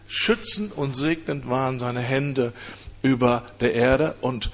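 A man preaching, telling his own conversion story in an earnest, halting way. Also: mid-range voice, a bit bright. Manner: earnest storytelling with many hesitations. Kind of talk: testimony sermon.

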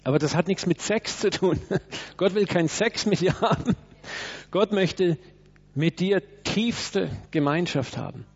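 This man's sermon is forceful, full of acted quotes, and he keeps turning to speak straight to people in the church. He has a high, expressive, slightly rough voice and an unhurried delivery; the recording is dull and lo-fi.

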